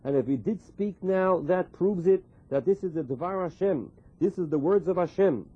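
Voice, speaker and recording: Husky man teaching Torah, phone-like sound. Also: high voice, moderate pace. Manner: repeats and translates quoted phrases as he explains. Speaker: religious teacher. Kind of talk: Torah lecture, explaining scripture. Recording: muffled, phone-like narrow sound.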